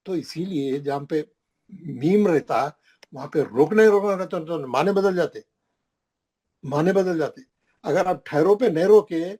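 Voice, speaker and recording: A man's voice: sits high, warm tone. A man teaching a recitation class, explaining rules with emphatic repetition and pointing things out on the page.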